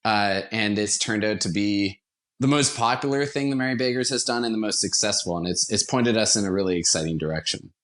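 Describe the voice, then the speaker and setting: This American man in his twenties, an actor who founded a theater company, guests on a podcast. His lowish voice is brisk and a little bright as he tells anecdotes in conversational interview style, with light self-deprecating humor.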